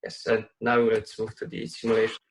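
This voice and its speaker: A male student from Poland presenting a technical project, pausing with fillers as he explains. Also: lowish voice, completely flat delivery. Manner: hesitant, fillers while explaining.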